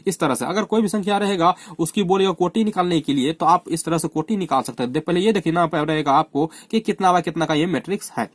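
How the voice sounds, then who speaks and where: A man's voice: on the high side, quick pace, hardly any pauses, no room sound, studio quality. A man from India teaching a math lesson at a board, repeating terms and often urging the students to watch closely. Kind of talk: classroom lesson explaining at a board.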